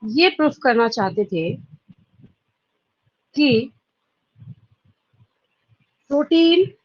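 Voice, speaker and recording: A woman's voice: high voice, expressive, drawn-out words, no room sound, muffled recording. A woman with an Indian accent giving an exam-prep biology lecture. She asks questions aloud, answers them herself and repeats the key points. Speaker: biology teacher.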